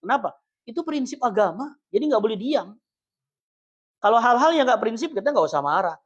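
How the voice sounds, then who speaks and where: A man's voice: big pitch swings, a little fast. Jokey man preaching, lo-fi sound. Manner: jokey, chatty, often laughs; wide swings in pitch and loudness. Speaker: religious teacher. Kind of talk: mosque study-circle sermon. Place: small prayer hall.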